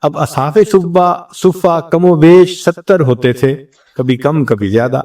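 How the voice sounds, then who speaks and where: A man's voice: a little high, warm tone, distant mic. A male religious scholar giving a sermon, telling a story and acting out the quoted exchanges.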